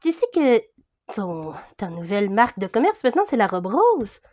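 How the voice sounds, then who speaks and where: A woman's voice: mid-range voice, very animated, moderate pace, warm tone. A woman with a Québec French accent voicing a bossy, fussy princess who organizes everyone in a toy role-play story.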